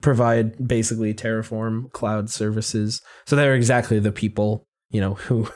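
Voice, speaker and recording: A man's voice: lowish voice, flat delivery, moderate pace, a little mellow. A man co-hosting a podcast, explaining technical things in a casual, conversational, somewhat hedging way. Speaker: podcast co-host.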